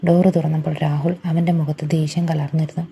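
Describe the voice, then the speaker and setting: A woman narrating a scripted story in an even, steady reading. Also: sits low, fast talker, gravelly, breathy edge.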